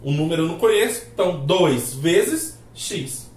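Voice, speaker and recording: A man's voice: fairly high pitch, expressive, normal speed, a little mellow. A man teaching a math lesson, asking rhetorical questions and acting out his students' replies. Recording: roomy echo.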